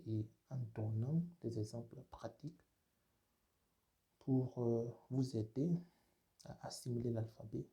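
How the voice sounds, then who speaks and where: A man teaching a language lesson, saying each sound slowly and asking listeners to repeat, with many hesitant fillers. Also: medium pitch, steady tone, dark tone. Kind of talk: slow spoken language lesson.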